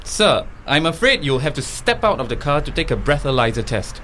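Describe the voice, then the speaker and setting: A man's voice: fairly high pitch, very animated, a little fast, pushed and bright, slight background noise. A man playing a polite, insistent police officer questioning someone in a comedy sketch. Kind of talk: comedy podcast sketch acting.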